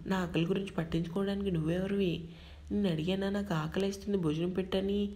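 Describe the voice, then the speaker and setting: A woman voicing a harsh, shouting young boss. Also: medium pitch, steady tone, fast talker, close to an everyday voice. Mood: angry, scolding. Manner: shouting, scolding. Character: angry young male boss, harsh and cold.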